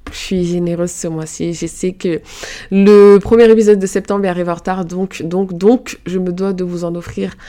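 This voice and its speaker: Woman podcast host, slightly low voice, effusive, casual interview manner. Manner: warm, effusive, religious greetings.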